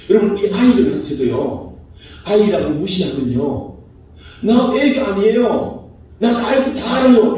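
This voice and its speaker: A man's voice: high-pitched, warm tone, distant mic. Man preaching in an echoey hall. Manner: preaching with rhetorical questions and acted quotes. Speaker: pastor. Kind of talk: sermon. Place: church sanctuary.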